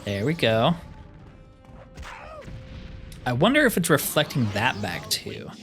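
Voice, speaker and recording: A man hosts a gameplay video with music behind him, talking casually and easygoing, thinking out loud as he plays. His chatty, informal commentary is mid-pitched and sing-song at a moderate pace.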